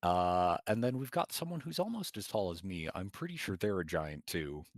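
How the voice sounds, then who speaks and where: A giant of a man talks over his week in a low, unhurried ramble full of small hesitations, as a man puts him on. The voice sits very deep and close, with a dry sound and no room around it. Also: big pitch swings, no room sound. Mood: reflective. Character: male giant adventurer reporting to a spirit.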